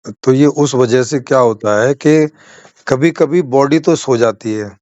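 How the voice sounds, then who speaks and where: A man's voice: mid-range voice, unhurried, a little mellow, no echo, lo-fi sound. A man hosting a casual conversation over a video call, attentive and explaining with personal examples. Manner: attentive, frequent short acknowledgements. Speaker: host.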